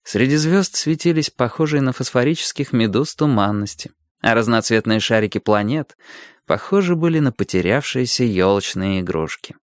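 A man narrating an audiobook story calmly and expressively. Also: medium pitch, normal speed, dry recording, clean studio sound. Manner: calm, expressive.

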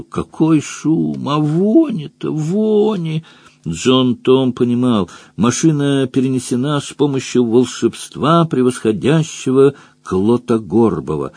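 Male narrator for a fantasy audiobook: animated, expressive delivery, close and dry. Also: breathy edge, no room sound. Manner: expressive reading, pitch rising and dropping with the story. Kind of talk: scripted narration of a fantasy novel.

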